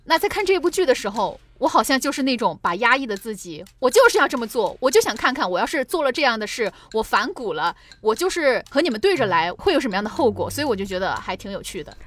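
A woman's voice: on the high side, very animated, quick pace, few pauses, fairly bright tone, slight background noise. A woman co-hosting a podcast who talks in a reflective, confiding way during casual chat. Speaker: podcast co-host.

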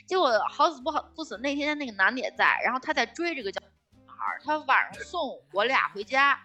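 A woman co-hosting a casual podcast chat, telling a story in an animated, blunt way with some swearing. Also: high-pitched, fairly quick, faint music behind. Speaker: podcast co-host.

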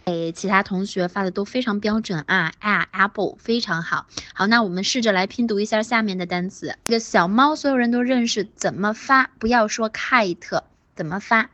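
A woman teaching pronunciation in an online class, stretching vowels slowly and repeating words, with encouraging praise. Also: medium pitch, a bit bright, dry recording, lo-fi sound.

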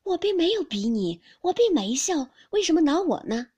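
A woman's voice: high voice, very animated, moderate pace, darkish tone, voice pushed up. Woman voicing an earnest, pleading young nobleman. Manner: pleading, anxious.

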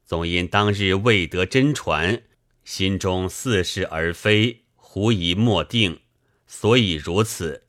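A man voicing an elderly, learned sailor who lectures and teases in a measured way. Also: deep voice, a bit bright, pitched below the performer's own voice. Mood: wry.

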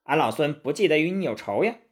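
A man voicing a cocky, quick-witted male monkey king in a storybook tale, brash and self-assured. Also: on the high side, very animated. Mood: protesting.

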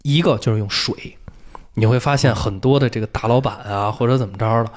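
A man's voice: mid-range voice, a little fast. A man with a Beijing accent explaining things in casual talk as a feng shui expert, emphatic, repeating phrases and answering his own questions.

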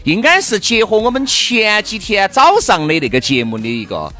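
A man's voice: high-pitched, very animated, normal speed, pushed and bright, soft background music. A man with a Sichuan accent hosting a radio show in a jokey, teasing way. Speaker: radio host. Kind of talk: bantering talk show chat.

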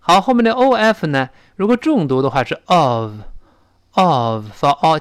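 Male teacher from China, lively lesson delivery, slightly high voice, dry close mic. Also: no echo. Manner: lively explaining, demonstrating sounds slowly and loudly. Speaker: English teacher. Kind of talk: recorded language lesson.

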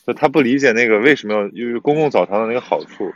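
Fast-talking man from Northeast China. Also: mid-range voice, a bit bright, dull audio. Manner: fast, eager talk with stammered restarts. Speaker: podcast co-host. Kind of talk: casual chat.

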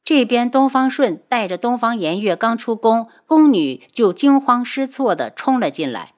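A woman narrating an audiobook novel in an expressive reading voice. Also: on the high side, normal speed.

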